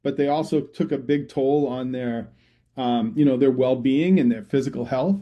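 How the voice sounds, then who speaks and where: Here a middle-aged man from Massachusetts, USA, speaks with a Massachusetts accent at medium pitch and a moderate pace, with the high frequencies cut off. He is a public health researcher being interviewed as a guest, and his conversational answers ramble with many restarts.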